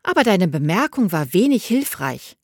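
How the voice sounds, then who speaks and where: A woman's voice: mid-range voice, big pitch swings, normal speed, breathy edge, no echo, clean studio sound. A woman voicing a harried woman mayor who speaks sheepishly and defensively. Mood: strained. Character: harried adult woman mayor, proud but cornered.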